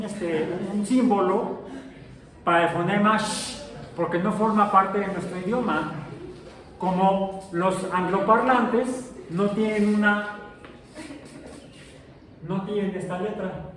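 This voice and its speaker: A man's voice: high voice, fairly even intonation, slow, long pauses, a bit bright. A middle-aged man teaching a science class, chatty and jokey, asking his students questions as he lectures. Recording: echoey classroom from far off, faint noise.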